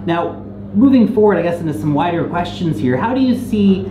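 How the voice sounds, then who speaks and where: A man's voice: high-pitched, animated, fairly quick. Upbeat male host in a roomy space. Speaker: interview host. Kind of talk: casual interview talk. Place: indoor venue in Hong Kong. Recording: roomy, noisy ambience.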